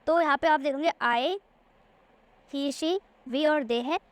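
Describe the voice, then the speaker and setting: A woman teaches a language lesson over slides, with a high, bright-sitting voice. She explains patiently and says each word slowly, often twice, so it can be copied. The recording is close and dry, with no room sound. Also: no room sound. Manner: patient, repeats words slowly to model pronunciation.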